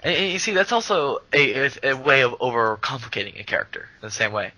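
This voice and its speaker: A man's voice: medium pitch, very animated, quick pace, sharp tone, dry recording, low-quality recording. A young man co-hosting a podcast in casual chat, rambling with many fillers and restarts. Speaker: podcast co-host.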